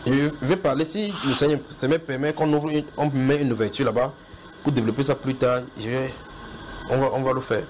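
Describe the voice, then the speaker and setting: French-speaking preacher, noisy recording. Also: male voice, mid-range voice, a little fast, darkish tone. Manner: repetitive, questioning the listeners directly. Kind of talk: house church sermon.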